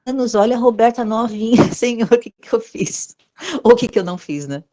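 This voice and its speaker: A woman's voice: on the high side, animated, a little fast, dark tone. A woman in a Bible study group, talking in an effusive, exclamatory way during a casual conversation.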